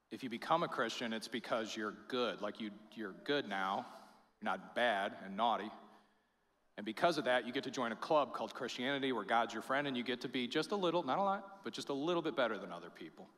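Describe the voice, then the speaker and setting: A man preaching a sermon as pastor, conversational and jokey, turning hushed when he prays. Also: medium pitch. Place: church sanctuary. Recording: long church hall reverb.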